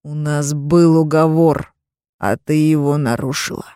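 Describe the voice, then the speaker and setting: A woman reading an audiobook, voicing a furious, menacing man who speaks slowly and threateningly. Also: low voice, steady tone, mellow, clean tone, no echo, clean studio sound. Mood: enraged. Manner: slow, hissing, threatening delivery.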